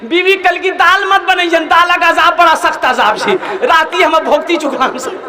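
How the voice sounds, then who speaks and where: A man's voice: extremely high pitch, moderate pace, crowd noise, voice pushed up. A man voicing a frightened, miserly village husband who pleads in a rustic dialect. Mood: pleading.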